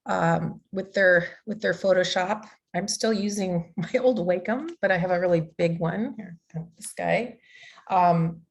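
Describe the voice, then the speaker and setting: A woman teaching an online digital art workshop over a video call, chatty and loose, with many fillers and restarts. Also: on the low side.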